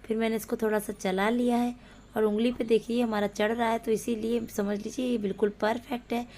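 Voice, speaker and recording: Woman, cooking vlog host, fairly high voice, chatty and homely, faint background hiss. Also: flat delivery, brisk, mellow. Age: adult, a mother of young children. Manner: chatty and homely, with playful asides. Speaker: home cooking channel host. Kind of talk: casual cooking vlog narration. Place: home kitchen at the stove.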